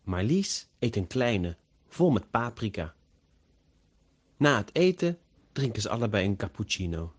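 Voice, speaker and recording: A man narrating a story slowly and carefully, as an audiobook for language learners. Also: on the low side, sing-song. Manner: slow, carefully pronounced.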